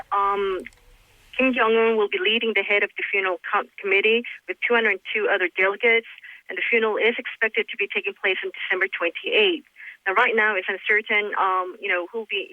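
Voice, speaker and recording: A woman's voice: medium pitch, fairly even intonation, quick pace, no echo. A woman news correspondent giving a live, unscripted report over a remote phone link. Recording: bright, dry, dull-band phone-line sound.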